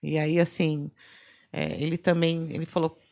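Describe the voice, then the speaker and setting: Gravelly-voiced woman telling animated anecdotes. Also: low voice, moderate pace. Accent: Brazilian Portuguese. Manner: lively anecdotes, acts out quoted dialogue, laughs often. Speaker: forensic photographer guest. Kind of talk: animated storytelling in a podcast chat.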